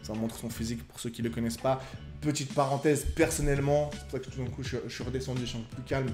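Fast-talking, ranting French YouTuber man. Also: mid-range voice, fairly even intonation, a little mellow, faint music behind. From France. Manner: angry, ranting, repeats words, swears. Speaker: YouTuber reacting to videos. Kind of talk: heated reaction commentary.

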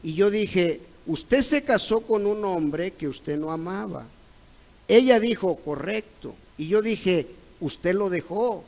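A Mexican man preaching a Sunday school sermon, retelling a conversation, pausing to ask "¿ve?" and at times rising to loud cries. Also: sits high, animated, poor audio. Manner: retells a dialogue, repeating "correcto" and "¿ve?"; rises to loud exclaimed cries when acting out others.

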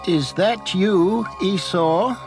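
Lady doing a creaky old blind dad, super slow, sad and gentle, music behind. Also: mid-range voice. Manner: speaks sadly and slowly. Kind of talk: storybook character voice.

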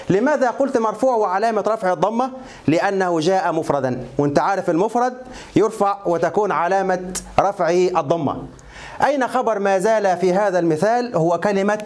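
A man's voice: sits high, a little mellow. A man with an Egyptian accent teaching a grammar lesson, asking questions and answering them himself. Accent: Egyptian Arabic.

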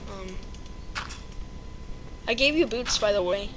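Her voice is mid-range and animated, and she takes her time, though the recording is rough. Playing a video game with music behind her, this woman offers chatty, hesitant let's-play commentary with lots of ums and playful noises.

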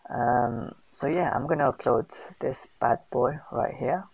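Gravelly man, casual tutorial chat. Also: mid-range voice, a little slow, no room sound, low-quality recording. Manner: chatty, filler-heavy, British slang. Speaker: host of a food business channel. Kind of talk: casual screen-recorded tutorial. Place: voice-over on a screen recording.

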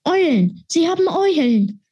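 Woman doing a tiny winged forest guy, scared and high-pitched, storybook reading. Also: big pitch swings, measured pace, warm tone, muffled recording, heavily acted. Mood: alarmed. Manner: alarmed, breathless. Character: small winged male forest creature, frightened.

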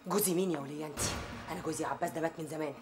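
An actress with an Egyptian Arabic accent playing a haughty, well-off housewife who is quick to shout. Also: female voice, sits low, soft background music, lightly acted. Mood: angry. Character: haughty upper-class Egyptian housewife, woman, middle-aged. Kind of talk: TV drama acting.

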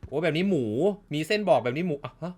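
Excitable man calling his own football game. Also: on the high side, fast talker, background noise. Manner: excitable, swears freely, sports-caster calls. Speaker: gaming YouTuber. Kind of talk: casual gameplay commentary.

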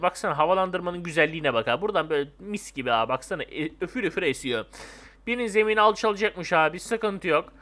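Excitable young man doing game commentary. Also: fairly high pitch. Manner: excitable, jumpy, joking, talks to friends and viewers. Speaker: gaming YouTuber. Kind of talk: casual gameplay commentary.

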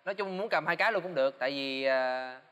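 A man's voice: fairly high pitch, fast, fairly bright tone, smooth, in a large hall. A man co-hosting a studio talk show, joking and teasing the guests through a food challenge. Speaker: co-host of a startup TV talk show. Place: TV studio with live audience.

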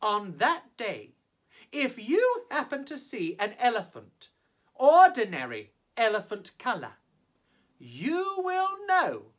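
On camera in a small indoor set, a man performing as a drag storyteller reads a children's picture book theatrically. His voice is high and fairly bright, with exaggerated emphasis and drawn-out words.

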